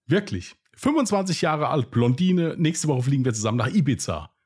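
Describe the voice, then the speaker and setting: A man's voice: on the high side, big pitch swings, moderate pace, a little mellow, slightly rough. A man playing a proud, boastful ninety-year-old man in a told joke.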